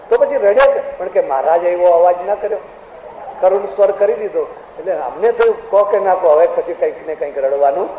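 A male religious teacher giving a spiritual discourse, telling anecdotes with rhetorical questions and now and then mimicking other people's voices. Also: fairly high pitch. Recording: echoey hall, tinny phone-like sound, faint hiss.

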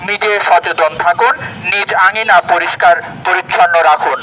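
A Bangladeshi man delivers a scripted public health announcement through a megaphone. His voice sits high for a man. The recording is noisy, as if made out on the street. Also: moderate pace, sharp tone. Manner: addressing residents through a megaphone. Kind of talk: read-out public service announcement.

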